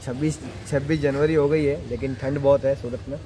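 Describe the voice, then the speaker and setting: Casually vlogging in his Surat housing society, a young Indian man teases and coaxes the local kids. He talks at medium pitch in a steady tone, a little fast, with noisy street sound around him.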